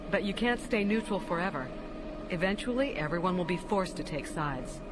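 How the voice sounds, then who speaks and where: An actress playing an earnest, determined rebel princess in a science fiction audio drama. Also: female voice, lowish voice, expressive, normal speed, lightly acted. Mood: earnest, uneasy. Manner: earnest, resolute. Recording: clear spaceship and tunnel ambience noise.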